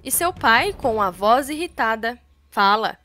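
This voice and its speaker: A woman recaps soap-opera scenes in a brisk, lively storytelling voice pitched a little high. Faint music plays softly under her narration.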